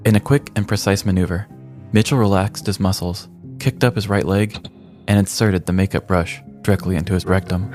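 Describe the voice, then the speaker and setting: A man with a low, slightly mellow voice hosts a podcast, narrating a scripted comic story in a dramatic, ornate, mock-serious style. Background music plays as a bed behind his voice.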